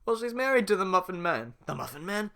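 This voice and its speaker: A man voicing a tiny, panicky gingerbread man cookie, shrieking frantic pleas at a high pitch. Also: big pitch swings, quick pace, bright, forceful tone, full character voice. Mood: shrill teasing.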